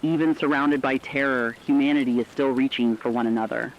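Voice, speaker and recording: Acting as a solemn radio correspondent, a man reads scripted news of humanity surviving the apocalypse, earnest and rhetorical in tone. His medium-pitched, natural voice is brisk with fairly even intonation. The highs are cut off and there's slight background noise.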